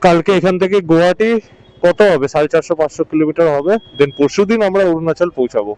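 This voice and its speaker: A man's voice: a little high, quick pace, a little mellow, clean tone, dry recording, low-quality recording. A man narrating a casual motorcycle travel vlog while riding, chatty and coaching his pillion with short repeated instructions. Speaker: motovlogger. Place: outdoors on a motorbike on the highway.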